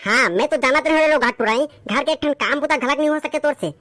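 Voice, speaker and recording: A nagging, sharp-tongued village mother from a comic skit, played by a woman, speaking in a Chhattisgarhi accent. Her voice is high and carries with a steady needling edge. She scolds and taunts without letting up. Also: fast talker, dry recording, soft background music. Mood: taunting.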